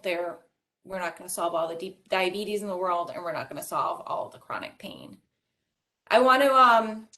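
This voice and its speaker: A woman's voice: on the low side, fairly bright tone. Woman moderating a medical webinar. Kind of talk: professional panel discussion. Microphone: video call.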